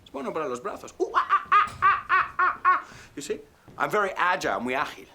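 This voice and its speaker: A man's voice: on the high side, lively intonation, fast talker, bright, forceful tone, exaggerated voice. An actor playing a goofy man in a TV comedy sketch, clowning around playfully. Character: goofy man who does animal exercises.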